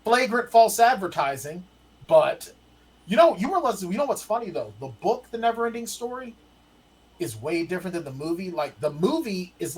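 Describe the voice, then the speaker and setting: Middle-aged man, husky voice with a swinging pitch, a lively storyteller in casual chat. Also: low-quality recording. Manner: animated storyteller, acts out quotes. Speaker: guest, the host's father.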